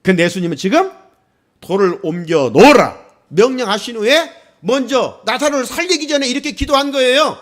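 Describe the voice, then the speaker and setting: A man's voice: extremely high pitch, lively intonation, fairly quick, hardly any pauses, a bit bright. A male pastor preaching a sermon, asking the congregation questions and rising into exclamations.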